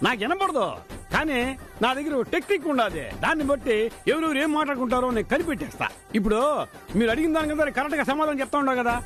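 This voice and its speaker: An actor playing a hard-of-hearing older father, loud, scolding and comic, over background music. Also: very high voice, lively intonation, racing. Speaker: bride's father.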